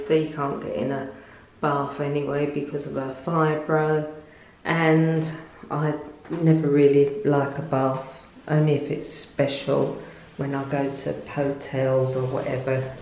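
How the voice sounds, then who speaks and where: A woman's voice: sits low, darkish tone. An older woman vlogger giving a rambling, chatty tour of her small home bathroom, filmed on a handheld phone. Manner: chatty, rambling with fillers and restarts. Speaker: lifestyle vlogger. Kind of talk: casual home tour chat. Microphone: phone camera held by speaker. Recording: echoey tiled room.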